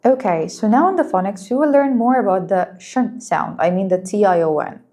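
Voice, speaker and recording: A woman whose first language is Arabic teaching an English lesson, speaking slowly and clearly and praising her students. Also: medium pitch, animated, dark tone. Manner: patient, encouraging, slow and clear, explains in Arabic too.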